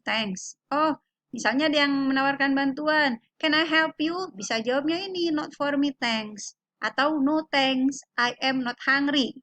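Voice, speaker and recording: A woman English teacher giving a classroom lesson, reading English example phrases slowly and then translating them. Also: high-pitched, sharp tone, dry recording.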